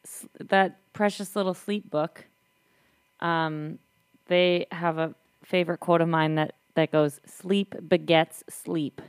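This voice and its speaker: A young woman talks easily about parenting in a lowish voice. Her tone is affirming, and the recording is dry and close, with no room sound. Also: fairly even intonation, slow, clean tone, no room sound. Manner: easygoing, affirming. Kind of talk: casual chat about parenting.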